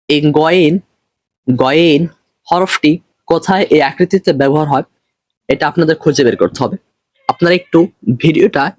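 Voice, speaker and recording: Man, Bangladeshi Bengali accent, patient letter teacher, slow drawn-out letter names, fairly high voice. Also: no room sound. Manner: patient, repetitive, stretches letter names slowly. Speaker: Quran reading teacher. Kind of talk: online lesson explaining Arabic letters.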